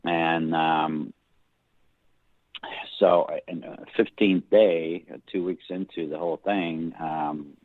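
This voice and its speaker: Very deep-voiced Hungarian man on a tinny line. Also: steady tone, no echo. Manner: halting, many restarts and ums. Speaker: guest screenwriter. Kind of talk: relaxed interview storytelling. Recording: dry tinny phone-like line.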